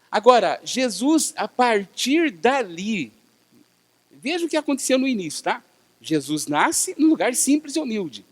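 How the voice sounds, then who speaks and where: A Brazilian man preaching a sermon as a pastor, with rising emphasis and rhetorical questions to the congregation. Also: sits high. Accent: Brazilian Portuguese. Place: church hall. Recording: church hall with long reverb.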